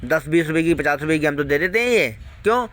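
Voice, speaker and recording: Speaking fast and animated, this man has a slightly high, fairly bright voice. He plays a video host issuing a warning, aiming a heated, profanity-laden rant directly at his audience while hammering the same points and throwing out rhetorical questions.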